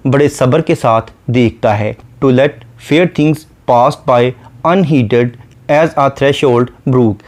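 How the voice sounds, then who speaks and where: Man giving a methodical literature lecture. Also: medium pitch. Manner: reads verse lines slowly, then paraphrases and explains them; steady methodical listing. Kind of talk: explanatory lecture.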